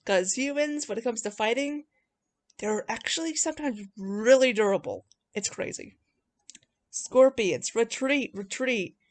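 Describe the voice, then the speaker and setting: A woman's voice: on the high side, animated, moderate pace. A woman doing casual commentary on her own old writing as she reads it out, with mocking, self-deprecating asides. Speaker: video host reviewing own old writing. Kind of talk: casual commentary with read-aloud story passages.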